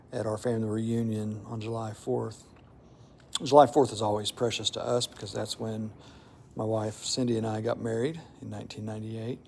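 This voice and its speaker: A middle-aged man telling a personal story with a devotional message, speaking in a measured way with deliberate pauses. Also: lowish voice, creaky, darkish tone, slight background noise.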